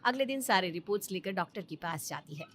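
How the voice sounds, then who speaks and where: A woman narrating a children's story in an expressive, sing-song way. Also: medium pitch, fast, slight background noise.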